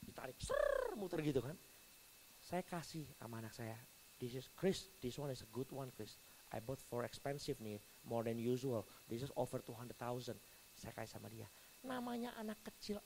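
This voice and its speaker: A man preaching a sermon as pastor, telling stories with sudden swings from soft to loud. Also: on the high side, slight background noise, poor audio. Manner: animated storytelling with big swings in volume.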